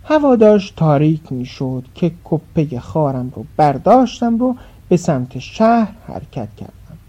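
A woman storyteller reads a first-person folk tale with expressive, lively pitch. Her voice is dark and a little husky, and the recording is dull and muffled. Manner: expressive, dramatic. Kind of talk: scripted storybook narration.

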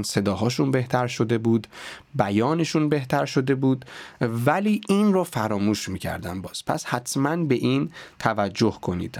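A man teaching pronunciation in a podcast lesson, sometimes demonstrating words very slowly and deliberately. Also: medium pitch, darkish tone, dry recording. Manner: slow, deliberate, over-articulated demonstrations. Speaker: diction coach.

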